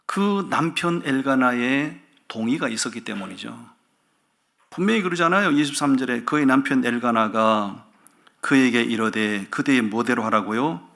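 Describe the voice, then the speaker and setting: A male pastor preaching a sermon in a lively way, often asking the congregation questions. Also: mid-range voice, creaky. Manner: animated, asks the congregation rhetorical questions.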